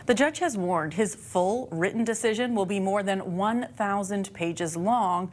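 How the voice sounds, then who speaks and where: A woman, a television reporter narrating a news story in a measured, formal way. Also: mid-range voice, a little mellow.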